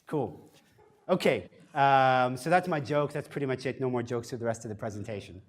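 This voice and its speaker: Speaking in front of a crowd at an event space, this guest speaker at a startup workshop talks quickly in a mid-range voice. His lecture is relaxed, self-deprecating, and peppered with fillers.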